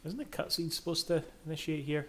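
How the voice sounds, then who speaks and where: A man's voice: on the high side, brisk, fairly bright tone, a little hiss or hum. A man giving casual, chatty live commentary as a game streamer, swearing freely.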